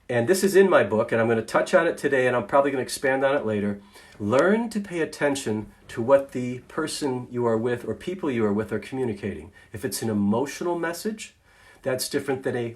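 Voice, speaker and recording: Animated middle-aged man lecturing. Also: mid-range voice. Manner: animated, switches between quick talk and deliberate slow emphasis. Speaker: consultant giving a talk on leadership. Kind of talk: informal faith-based lecture.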